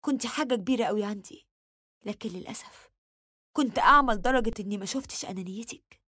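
A woman's voice: on the high side, quick pace, bright, forceful tone, no room sound, studio quality. A woman with an Egyptian accent voicing a grieving young husband who speaks in a subdued, bitter way.

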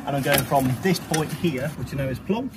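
Young bricklayer chatting over loud site noise. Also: male voice, on the high side, moderate pace. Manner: relaxed, explains while working, slangy. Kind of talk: casual on-the-job vlog. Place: outdoor building site in a housing estate. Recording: loud work noise outdoors.

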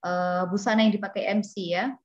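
A woman's voice: mid-range voice, steady tone, moderate pace, darkish tone, muffled recording. A woman giving an online class on hosting events, talking casually with many fillers and questions to her students. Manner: conversational teaching with many fillers and rhetorical questions. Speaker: MC skills trainer. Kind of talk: online webinar lesson. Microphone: video call.

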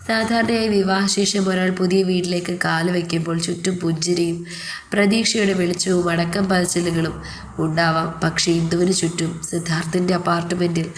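A woman reading a scripted love story aloud in a calm, even narrating manner. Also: lowish voice, slight background noise.

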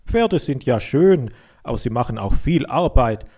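A man voices a stubborn, hot-headed farm boy in a children's story, arguing emphatically with a scornful, insistent tone. His medium-pitched voice is animated, a bit mellow, and a little slow.

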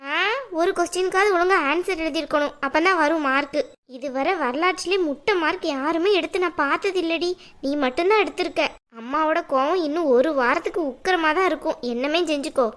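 A woman's voice: very high-pitched, brisk, fairly bright tone. A woman voicing a bossy, teasing older sister in a cartoon, with a Tamil accent. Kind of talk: cartoon voice acting.

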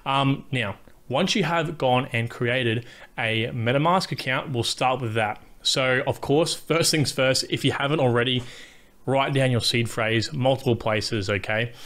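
A young man talks through a screen tutorial in an even, monotone voice that sits at an ordinary pitch for a man. His tone stays casual and explanatory, and he often adds a quick tag question to check that viewers are following. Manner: monotone, self-described. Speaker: host of a crypto tutorial channel.

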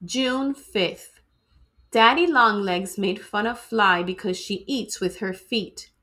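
Sounding like a teacher before a class, a woman dramatically and expressively reads from a children's storybook. She has a mid-range voice and goes at a slow pace.

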